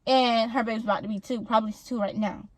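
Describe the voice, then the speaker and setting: A young woman with a high, bright voice tells a storytime straight to her viewers. She sounds animated and indignant and fills her talk with "like." The recording is close and dry, with no room echo. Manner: animated, indignant, fast-talking with many "like" fillers. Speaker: vlogger telling a storytime. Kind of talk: casual storytime addressed to viewers.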